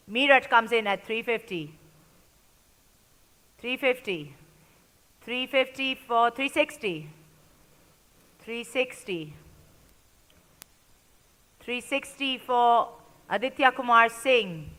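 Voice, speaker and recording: Working a sports player auction, this woman repeats bids in brief, clipped calls, speaking slowly with long pauses. Her voice is a little high and fairly bright, with lively intonation. Long reverb from a big, echoey hall surrounds her.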